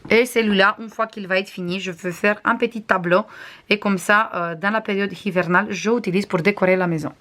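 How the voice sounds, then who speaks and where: A woman crafts vlogger with a non-native accent, casually reviewing and showing items to the camera, often pausing with hesitations. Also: medium pitch, fairly even intonation, fairly bright tone. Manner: chatty, frequent hesitations, shows items to camera.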